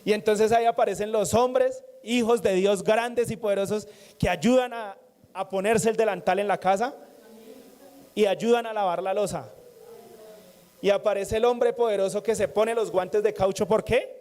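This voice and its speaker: High-voiced man preaching warmly. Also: steady tone, moderate pace. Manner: conversational preaching with repetition and jokes to the congregation. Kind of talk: sermon.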